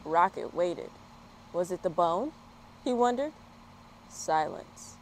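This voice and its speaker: Reading a children's book aloud in a yard, this American story time host speaks in a lowish, expressive voice at an unhurried pace, mixing in friendly chat. A small external mic captures her along with street-work noise, passing traffic and the sounds of the outdoors.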